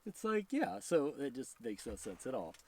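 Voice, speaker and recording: A man's voice: medium pitch, very animated, normal speed. A man hosting a casual live stream, rambling, laughing often and reading viewer questions aloud.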